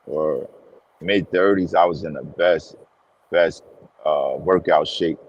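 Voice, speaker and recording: A man's voice: very deep voice, takes it slowly, highs cut off. A man in his forties on a casual podcast panel, talking emphatically and repeating himself for effect. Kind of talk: casual chat.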